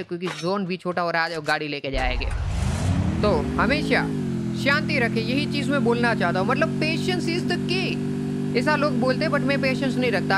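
A man's voice: high-pitched, heavy background noise. A young man giving playful, trash-talking commentary over his mobile gameplay. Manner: playful trash-talk at opponents. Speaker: gaming YouTuber. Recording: loud game sounds behind the voice.

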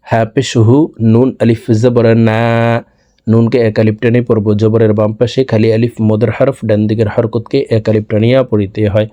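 A man's voice: medium pitch, mellow. A man teaching Quran reading, patiently spelling out each Arabic letter and vowel mark in a Bangladeshi Bengali accent. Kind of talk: spelling-out recitation lesson.

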